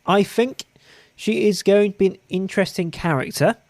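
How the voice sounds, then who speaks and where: A man hosting a podcast, talking about an old episode in a dry, wry way with some halting restarts. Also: high-pitched, no echo. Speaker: podcast host. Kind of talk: casual review chat.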